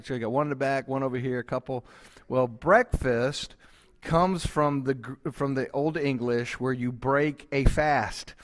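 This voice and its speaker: A man, a pastor preaching a sermon in a church, telling folksy, humorous stories with many fillers and restarts. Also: medium pitch. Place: church sanctuary.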